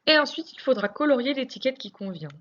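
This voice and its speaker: A woman's voice: high voice, lively intonation, fast talker, fairly bright tone. A woman teacher giving a recorded reading lesson to young children, carefully spelling out letters one by one. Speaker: primary school teacher. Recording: dull lo-fi recording.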